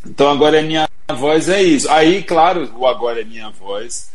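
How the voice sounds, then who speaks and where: Slightly high-voiced and brisk, a middle-aged man from Brazil talks thoughtfully about his own story. He is a singer-songwriter, appearing as a guest in a relaxed livestream interview.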